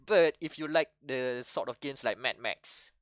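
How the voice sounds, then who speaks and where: A young man with a Malaysian English accent, co-hosting a casual podcast chat, rambling and animated with frequent restarts. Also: medium pitch, a little slow, a crowd in the background. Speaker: podcast co-host.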